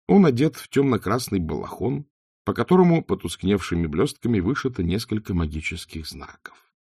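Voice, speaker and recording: A man narrating a storybook with a low, husky voice that rises and falls widely. The sound is dry and close. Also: no echo. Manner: expressive storytelling. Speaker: audiobook narrator. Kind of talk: scripted narration.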